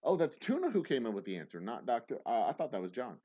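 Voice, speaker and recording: Quick and warm, this man's husky, medium-pitched voice swings hugely in pitch as he reads trivia questions on a livestream game night. His banter is casual and rambling, full of self-mocking jokes and restarts, and the audio is dull.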